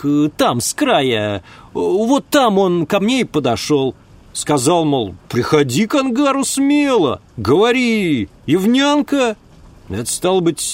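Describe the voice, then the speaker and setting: A man's voice: high voice, no echo, pitched above the performer's own voice. A man voicing a talkative young country lad who rambles in folksy speech with filler sounds.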